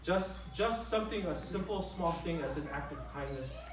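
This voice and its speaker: A middle-aged man gives an informal eulogy, speaking in a halting, conversational way and often repeating his phrases. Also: sits high, lively intonation. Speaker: son giving a eulogy for his father. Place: large reverberant room at a memorial gathering. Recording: very echoey, distant microphone in room.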